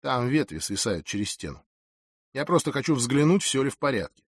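A man's voice: mid-range voice, sing-song, a little fast, slightly rough, dry recording, studio quality. A man voicing a blunt, foul-mouthed young woman with a sarcastic edge.

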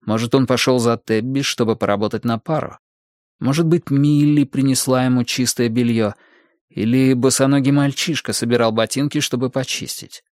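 Male audiobook narrator, measured, close dry mic. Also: medium pitch, steady tone, darkish tone, dry recording. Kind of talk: scripted narration.

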